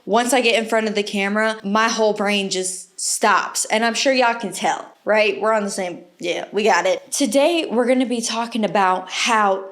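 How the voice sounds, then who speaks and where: A woman's voice: mid-range voice, moderate pace, few pauses, fairly bright tone. A woman hosting a casual reaction vlog, chatty and self-deprecating, with sassy, campy drag-queen-style slang, speaking close to the microphone. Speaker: YouTube host. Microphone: microphone held close to the mouth.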